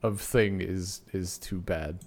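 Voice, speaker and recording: A man's voice: low-pitched, steady tone, takes it slowly. A man with an Upper Midwest accent hosting a casual podcast chat, rambling with lots of fillers. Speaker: podcast host.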